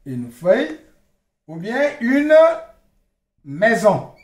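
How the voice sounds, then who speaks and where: A man teaching a language lesson, repeating words slowly and spelling them out letter by letter. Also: high voice, very animated, roomy sound. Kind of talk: slow spoken language lesson.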